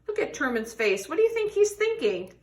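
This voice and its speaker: With a high, somewhat darkish voice, a woman reads a children's picture book aloud, very animated and a little fast. She stretches words for emphasis and asks questions of her young listeners.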